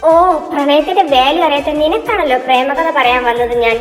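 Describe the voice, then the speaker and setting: A woman's voice: high-pitched, fairly quick, natural voice. A woman voicing a middle-aged mother who nags and scolds her grown son. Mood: scolding. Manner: scolding, nagging. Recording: echoey room with long reverb, music behind.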